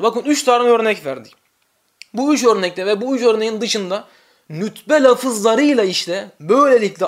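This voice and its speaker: High-voiced man teaching a religious lesson. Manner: asks the listeners rhetorical questions and answers them himself; chants the Arabic lament calls slowly and drawn out. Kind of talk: religious lecture.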